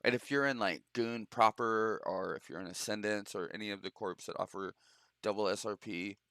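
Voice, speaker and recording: A man's voice: on the low side, normal speed, a bit bright, dry recording, studio quality. Laid-back profane streamer guy. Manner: loose, profane, laughs a lot, bro talk. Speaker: streamer hosting a game show. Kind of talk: casual gaming stream chat.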